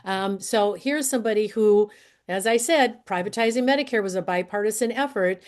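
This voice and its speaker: A woman in her sixties giving an earnest presentation talk, hoarse and losing her voice, and often clearing her throat. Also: medium pitch, moderate pace, darkish tone. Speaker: guest speaker, healthcare advocate.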